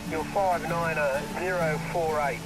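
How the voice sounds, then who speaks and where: A man's voice: fairly high pitch, steady tone, heavy background noise. A man heard over a ham radio receiver, working as a ham radio operator and giving call signs in clipped contest procedure. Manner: brisk, clipped radio phrasing ending with "over". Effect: heard through a ham radio receiver.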